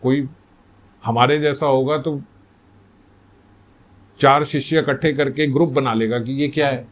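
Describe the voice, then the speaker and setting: A man's voice: medium pitch, steady tone, unhurried. A man telling a religious story in a sermon, conversational and full of rhetorical questions. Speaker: spiritual storyteller.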